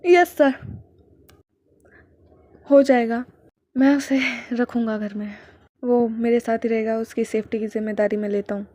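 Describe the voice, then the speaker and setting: A woman's voice: on the high side, fairly even intonation, unhurried, pauses often, dark tone, dry recording, close to an everyday voice. Woman reading a clipped young commando. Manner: clipped, respectful. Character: young male commando, dutiful and stubborn.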